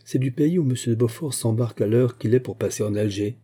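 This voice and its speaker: A man's voice: medium pitch, quick pace, dark tone, slightly rough, close to an everyday voice. A man reading a gallant veteran musketeer captain.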